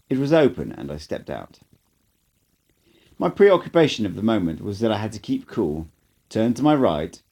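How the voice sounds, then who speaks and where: This amateur audiobook narrator, a man, recounts a story in the first person. His lowish voice ranges broadly in pitch, and he performs with dramatic expressiveness.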